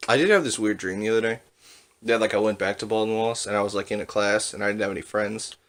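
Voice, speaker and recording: A man's voice: lowish voice, fast talker, fairly bright tone. A young man co-hosting a podcast, telling rambling stories in casual chat and laughing at himself. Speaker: podcast co-host.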